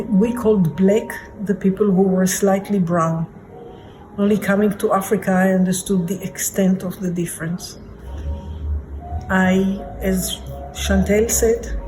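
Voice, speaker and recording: A woman's voice: mid-range voice, rough recording. A woman from Israel, a psychologist, speaking earnestly and reflectively in a message of support. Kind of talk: heartfelt video message. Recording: music playing clearly underneath.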